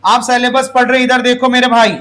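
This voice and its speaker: A man teaches English grammar to a classroom. His voice sits very high for a man. He keeps throwing questions at the students and has them repeat the answers aloud. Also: little pitch movement, brisk, bright, forceful tone. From Jharkhand, India.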